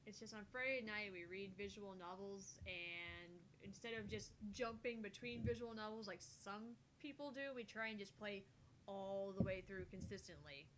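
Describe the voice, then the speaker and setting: Woman co-hosting, mid-pitched, noisy room tone. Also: moderate pace, fairly bright tone. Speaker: streamer, co-host of visual novel readings. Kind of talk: casual chat.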